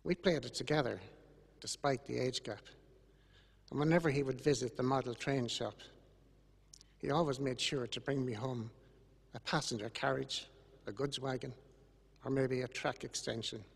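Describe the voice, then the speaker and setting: An older man with an Irish accent gives a funeral eulogy in a solemn, measured way, with grieving gratitude. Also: mid-range voice, fairly even intonation, gravelly, husky. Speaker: eulogist speaking about his late brother. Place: large church, over a microphone to congregation and webcam. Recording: echoey church with long reverb.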